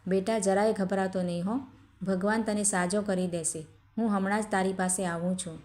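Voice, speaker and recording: A woman's voice: mid-range voice, fairly even intonation, moderate pace, darkish tone, natural voice. A woman voicing a loving older village mother, soothing and tender toward her son. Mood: reassuring.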